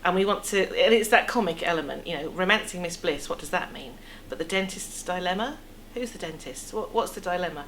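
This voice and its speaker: Brisk and a bit bright, with lively intonation in a lowish register, a middle-aged English-accented woman explains things chattily. She's a theatre producer in a casual interview at an indoor theatre foyer café seating area, where room noise is clearly audible.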